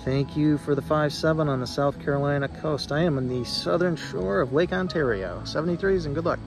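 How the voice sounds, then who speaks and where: With music playing in the background, a fairly high-pitched man briskly works amateur radio contacts at an outdoor park activation. He is a radio operator who repeats reports and spells out call signs in the phonetic alphabet.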